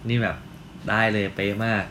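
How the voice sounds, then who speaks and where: A man co-hosting a casual chat, reviewing songs in a relaxed, frank way with loose slang. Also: moderate pace, slight background noise. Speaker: podcast co-host.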